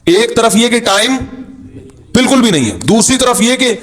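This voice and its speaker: Male preacher, high-pitched, scolding sermon delivery. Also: very animated, a bit bright. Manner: scolding, rhetorical questions to the audience. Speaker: Islamic preacher.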